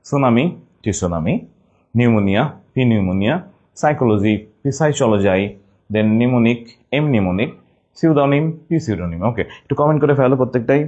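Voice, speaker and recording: Husky man drilling spellings slowly. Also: mid-range voice, a little mellow, muffled recording. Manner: repeats words slowly, syllable by syllable. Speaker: English spelling teacher. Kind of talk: online spelling class for admission exams.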